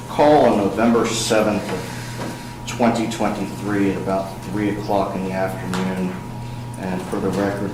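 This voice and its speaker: A man questioning a witness as an attorney, in a halting, deliberate courtroom manner. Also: lowish voice. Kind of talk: courtroom examination. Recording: echoey courtroom with clear background noise.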